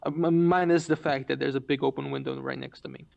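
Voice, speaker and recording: A man's voice: medium pitch, fairly even intonation, fast, a little mellow, dull audio. A man telling a story in a casual storytime, rambling and profane, with frequent restarts. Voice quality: gravelly.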